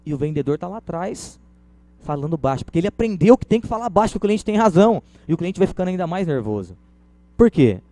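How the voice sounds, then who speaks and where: A man's voice: high voice, very animated, fast talker, dark tone, no echo. A Brazilian man giving a conversational lecture, illustrating points with everyday stories. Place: lecture room.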